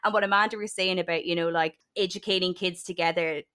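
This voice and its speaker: A woman's voice: fairly low pitch, fairly even intonation, quick pace, a bit bright. A young woman with a west of Ireland accent, talking earnestly and a little hesitantly in a casual podcast discussion. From Sligo, west of Ireland. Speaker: podcast co-host.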